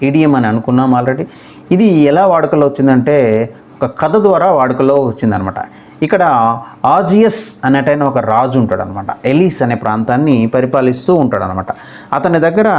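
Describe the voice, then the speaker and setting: A man with a Telugu accent in English, teaching English idioms in Telugu. He reads English example sentences slowly and deliberately, then explains them quickly and repeats key phrases. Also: medium pitch, darkish tone.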